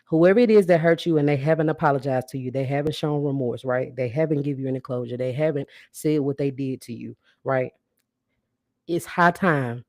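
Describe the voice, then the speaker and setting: A woman's voice: very deep voice, fairly quick, a little mellow, no room sound, clean studio sound. Blunt, casual woman podcast host. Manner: blunt, casual, addresses listeners directly as sis and baby; greets viewers and asks them to interact. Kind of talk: live-streamed podcast monologue.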